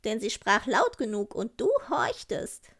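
A woman voicing a wild, bossy little robber girl in a storybook, with a brash, loud manner. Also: on the high side, sing-song, a little slow, heavily acted.

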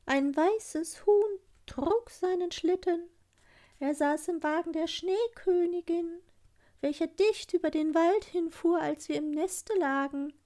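Caged wood pigeons, very high pitched, slow sing-song cooing, strange birdlike timbre. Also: female voice, mellow. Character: cooing wood pigeons, small birds in a cage.

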